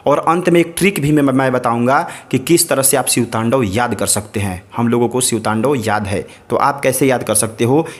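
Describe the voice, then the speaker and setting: A man teaching a recitation lesson, chanting each word slowly syllable by syllable and repeating it, between spoken explanations. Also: medium pitch.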